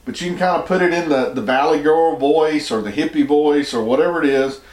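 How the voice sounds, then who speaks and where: A man's voice: a little high, a little fast, a little mellow, echoey room. A man from the United States giving an argumentative opinion monologue, emphatic and often restarting his words. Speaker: commentator.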